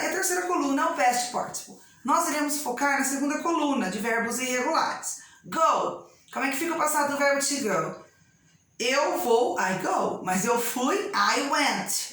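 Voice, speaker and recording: A woman's voice: high-pitched, fairly bright tone. A woman with a Brazilian accent teaching English grammar in an online class, explaining step by step and checking in with her students often. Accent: Brazilian Portuguese. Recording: very echoey room.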